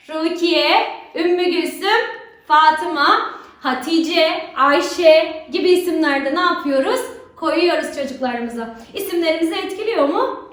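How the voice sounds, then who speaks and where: High-voiced woman teacher in an echoey room. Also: fairly bright tone. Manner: keeps asking rhetorical questions to draw pupils in. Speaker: religion teacher. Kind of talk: recorded remote lesson for schoolchildren. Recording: very echoey room, voice far from mic.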